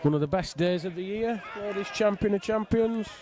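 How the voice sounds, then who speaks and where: Outdoors on a flat roof in the rain, a middle-aged man gives casual, jokey, bantering live commentary on a bowls match amid crowd noise. His voice is high-pitched and his pace moderate.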